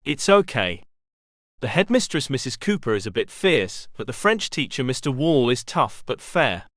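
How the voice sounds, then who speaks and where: A man's voice: medium pitch, big pitch swings, moderate pace, fairly bright tone, no room sound, clean studio sound. A man doing a shy new boy.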